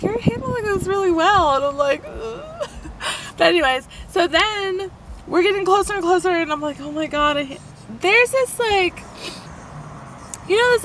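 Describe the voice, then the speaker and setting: A young woman telling a story in a casual vlog, animated and rambling, full of fillers. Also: sits high, slight background noise. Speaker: van life vlogger. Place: inside a parked camper van.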